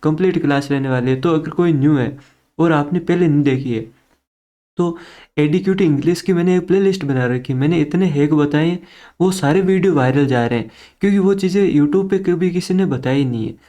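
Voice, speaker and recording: A man's voice: on the high side, fairly quick, warm tone. A young man teaching an exam-prep lesson in a casual, chatty way, mixing English words into his talk.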